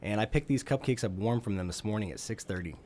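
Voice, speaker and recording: Quick upbeat guy talking food on a radio show, studio mic. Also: lowish voice, darkish tone. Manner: upbeat and enthusiastic, describing food in detail. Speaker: food segment contributor on radio. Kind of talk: casual radio chat.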